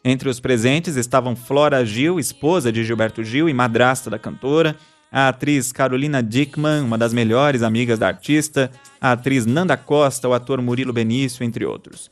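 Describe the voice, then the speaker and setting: A man's voice: mid-range voice, normal speed, faint music behind. A man hosting a news podcast, reading stories and listener messages in a scripted style. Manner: reads listener messages aloud.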